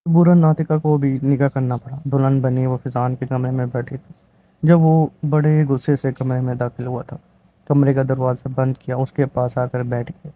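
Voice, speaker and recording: A man narrating a romance novel aloud in a steady storytelling manner. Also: medium pitch, muffled recording.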